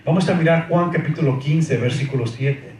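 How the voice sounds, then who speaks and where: A man's voice: a little high, normal speed, a little mellow. A man preaching a sermon, emphatic, asking the congregation questions and often saying amén. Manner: emphatic, repeats amén, asks rhetorical questions. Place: church hall. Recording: very echoey hall, distant mic, faint noise.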